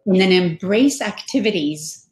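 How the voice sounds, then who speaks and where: A woman's voice: on the low side, expressive, unhurried, darkish tone, breathy edge, no echo. A woman presenting a live online workshop, her voice muffled as if heard through a wall on a video call. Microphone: computer mic on a video call.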